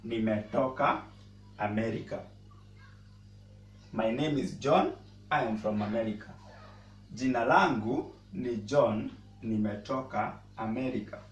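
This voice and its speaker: A man who speaks natively, teaching a casual language lesson and pausing often to repeat words as he explains. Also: mid-range voice. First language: Swahili. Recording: roomy echo, mic at a distance, faint noise.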